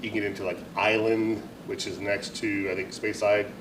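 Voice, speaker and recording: A man co-hosting a casual podcast chat in a cigar lounge, animated and joking, breaking into loud bursts. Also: on the low side, normal speed, distant mic, background noise. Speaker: podcast co-host.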